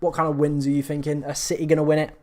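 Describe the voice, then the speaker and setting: He's a live streamer chatting informally with his audience and answering comments, his voice a little high, monotone and darkish. He talks at a racing pace, and his voice is slightly worn and hoarse from the long session.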